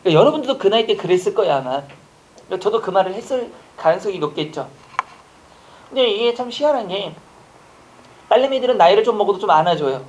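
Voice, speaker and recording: A man's voice: high voice, animated, fast, long pauses, a little mellow, highs cut off, a little hiss or hum. A man in his forties teaching an exam-prep grammar lecture, chatty, asking rhetorical questions and acting out short dialogues.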